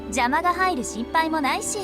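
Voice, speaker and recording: A woman's voice: high voice, expressive, rapid-fire. A woman voicing a cheerful, carefree young vampire woman in a game, speaking in a playful, teasing way. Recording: game audio with music behind.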